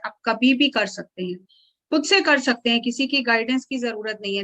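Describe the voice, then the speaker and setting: A woman meditation teacher guiding a meditation and giving a calm, slow, explanatory spiritual talk. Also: on the high side, muffled recording.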